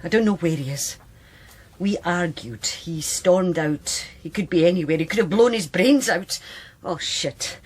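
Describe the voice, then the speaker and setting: Her lowish, darkish, husky voice carries a Scottish accent as she portrays an anguished, brittle sister in radio drama. The naturalistic performance is halting, bitter, flustered, and agitated.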